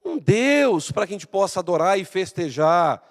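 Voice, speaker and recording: A restless crowd of Israelites, voiced by a man putting it on mid-sermon, grumbles and presses for an idol in a high, complaining tone. The sound carries a long church reverb. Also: sing-song, moderate pace. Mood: impatient.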